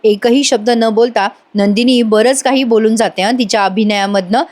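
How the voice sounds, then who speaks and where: A woman's voice: on the high side, steady tone, normal speed, a little mellow. A woman narrating a voice-over recap of a TV serial, chatting directly with her viewers. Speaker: TV serial reviewer.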